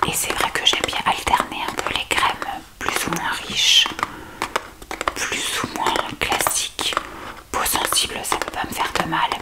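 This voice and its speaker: Woman whispering right in your ear. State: ill with a cough. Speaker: beauty product review video creator. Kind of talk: whispered ASMR product review.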